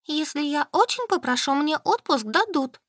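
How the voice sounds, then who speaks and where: Brief: woman voicing a pleading, whiny young teacher, pitched high, dry close sound. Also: lively intonation, measured pace, dry recording. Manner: whining, pleading. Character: whiny, food-loving young woman schoolteacher.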